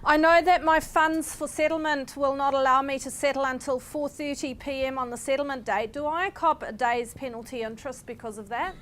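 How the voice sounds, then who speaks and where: A woman with a high voice speaks up as a bidder at an auction. She puts questions and offers to the auctioneer from the audience. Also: steady tone, brisk, hardly any pauses, fairly bright tone.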